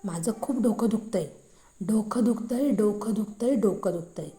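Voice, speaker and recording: A woman's voice: medium pitch, moderate pace, dark tone, echoey room, lightly acted. A woman voicing a playful, thrifty female robot housemaid who speaks meekly and deferentially. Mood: coy.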